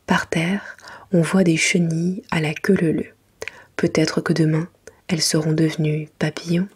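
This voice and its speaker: A woman reads a children's bedtime story in a hushed, very breathy whisper. Her voice sits a little low, and she goes gently and carefully, in a soft ASMR reading style. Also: level tone, normal speed.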